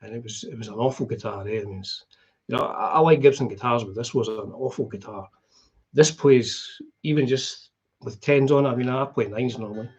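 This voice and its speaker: A middle-aged man with a broad Scottish accent and a husky voice, chatting casually and in a rambling, conversational way as he hosts a live stream. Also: medium pitch, brisk, darkish tone. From Scotland. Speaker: guitar vlogger hosting a live stream. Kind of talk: casual chat.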